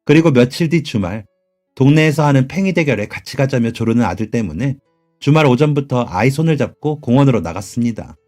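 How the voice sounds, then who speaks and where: A man narrates a listener's story in a calm, measured reading voice of middle pitch. Soft music plays quietly under his narration.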